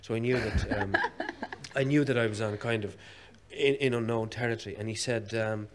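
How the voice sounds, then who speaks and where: Low-voiced Irish man, hesitant storyteller. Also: steady tone, normal speed, noisy background. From Ireland. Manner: hesitant, many ums and uhs, wry storytelling. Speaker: actor interviewed as guest. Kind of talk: anecdotal interview chat. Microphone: television studio microphone.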